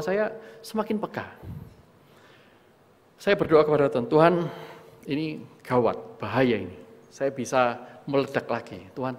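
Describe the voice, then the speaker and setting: A middle-aged man preaching in a church, his somewhat high voice ringing with a long hall reverb. He tells a story about himself, keeps calling his listeners "saudaraku", and acts out his own anger as he goes. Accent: Indonesian. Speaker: pastor. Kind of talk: sermon.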